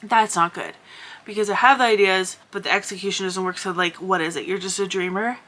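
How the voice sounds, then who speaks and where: A woman's voice: medium pitch, fairly even intonation, brisk, pushed and bright. A young woman talking casually in a vlog, rambling and thinking aloud with lots of fillers. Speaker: vlogger.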